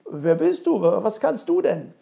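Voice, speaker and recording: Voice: medium pitch, very animated, a little slow, vocal fry, dark tone, voice pushed up, exaggerated voice. A storyteller voicing a young, earnest fairy-tale prince who asks eager, wondering questions.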